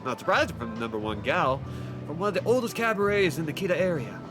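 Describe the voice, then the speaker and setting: A man's voice: a little high, expressive, fast, over music, natural voice. A man voicing a cocky cabaret boss from a video game, colloquial and teasing, from the front of the throat. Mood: probing. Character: cocky, smooth-talking male cabaret boss. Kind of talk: reading video game dialogue in character.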